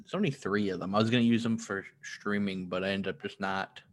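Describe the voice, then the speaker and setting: A man's voice: fairly low pitch, fairly even intonation, a little fast. A man hosting a casual podcast, with dry, mock-earnest jokes. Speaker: podcast host.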